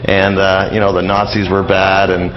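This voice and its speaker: Crowd murmur and dull, lo-fi radio sound surround this casual interview with a male guest, an old-time radio enthusiast. He rambles informally as he explains things, in a low voice that is completely flat, at a moderate pace.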